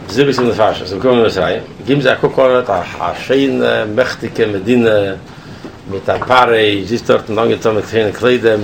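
Guy with a gravelly voice telling his own story, lots of restarts, faint hum behind. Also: mid-range voice. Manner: animated, restarts and repeats, switches between languages. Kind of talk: personal anecdote, casual.

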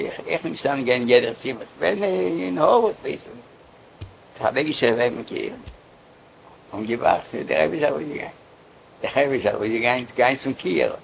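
Gravelly man telling a story. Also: mid-range voice, a little hiss or hum, poor audio. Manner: halting, repeats words often. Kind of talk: casual storytelling.

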